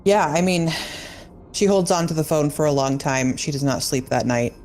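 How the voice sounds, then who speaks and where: Woman player talking steady and firm in character, a little background hiss. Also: sits low, moderate pace. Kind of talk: in-character tabletop play.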